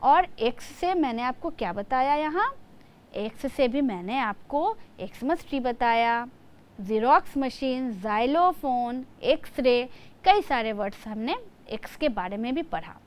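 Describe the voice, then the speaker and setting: A woman's voice: on the high side, lively intonation, slow. A woman teacher giving a lesson to young children, spelling words out letter by letter.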